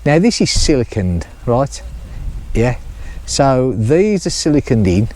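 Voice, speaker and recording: A man's voice: mid-range voice, big pitch swings, slow pace, darkish tone. A middle-aged man chatting casually to camera outdoors, rambling and laughing often as he explains his building work. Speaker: vlogger building a chalet.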